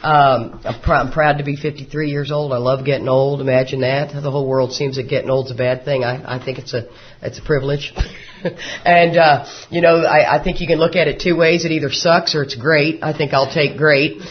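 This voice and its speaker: A man in his fifties speaks with a drawl in a slightly high voice. He talks to a recovery group as a folksy, joking storyteller who laughs along with his own stories. The recording is dull and lo-fi. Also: steady tone, brisk. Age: 50s. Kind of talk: personal recovery talk to a live group.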